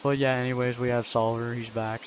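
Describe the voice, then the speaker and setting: A guy hosting his homemade fan video in a casual, rambling way full of ums. His voice sits at a middle pitch. Clear background noise runs under it. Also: flat delivery, brisk. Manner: rambling, filler-heavy. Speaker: channel host and narrator. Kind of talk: casual fan video intro and role-play. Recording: noisy home recording.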